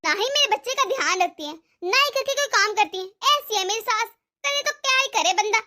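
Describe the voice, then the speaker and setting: Bossy young cartoon daughter-in-law, sharp and impatient, piercing high voice. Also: female voice, lively intonation, fairly quick, heavily acted. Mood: scolding. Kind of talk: cartoon dub voice acting.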